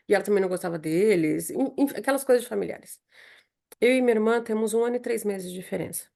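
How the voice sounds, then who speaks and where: A woman's voice: medium pitch, vocal fry, mellow. A woman giving an emotional personal testimony to a group, with many restarts and repeated phrases. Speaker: speaker sharing a testimony.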